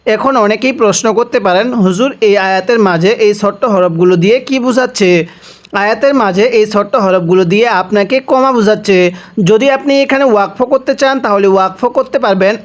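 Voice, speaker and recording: A man teaching Quran reading, reciting each phrase slowly and drawn out, then explaining the rules and asking how it should be read. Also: high voice. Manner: repeats words and asks "how do we read it?". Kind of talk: step-by-step Quran reading lesson.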